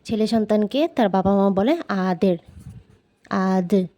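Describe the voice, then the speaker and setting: A woman with a Bangladeshi Bengali accent gives a patient, casual vocabulary lesson. She says each word slowly and repeats it several times. Her voice has a warm, mellow tone. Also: mid-range voice. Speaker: language teacher.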